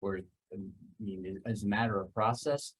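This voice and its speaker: A man with a lowish voice leads a remote work meeting. He asks his questions hesitantly and often restarts them. Faint background noise sits under his voice. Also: steady tone, normal speed, poor audio. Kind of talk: leading a work meeting discussion.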